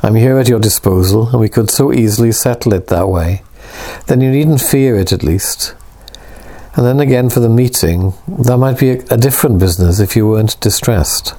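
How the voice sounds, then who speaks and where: A man reading a calm, persuasive poet. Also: medium pitch, moderate pace, lightly acted. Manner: earnest, reassuring. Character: calm, persuasive male poet, gently insistent.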